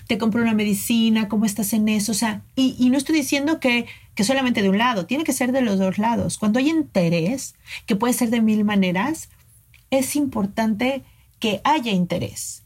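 A woman's voice: on the high side, expressive, moderate pace. A middle-aged woman, hosting a podcast and giving earnest relationship advice straight to her listeners. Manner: earnest, coaching, addresses listeners directly. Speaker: podcast host.

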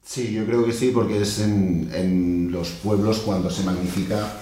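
Actor from barcelona, deep voice, thoughtful, echoey room w/ some faint background. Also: male voice, fairly even intonation, measured pace, warm tone. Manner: thoughtful, tag questions, occasional laughs. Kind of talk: casual interview talk.

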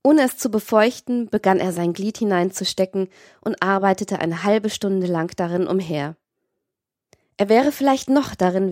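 A woman narrating a classic novel as an audiobook in a measured, literary manner. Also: medium pitch, darkish tone, no echo, clean studio sound.

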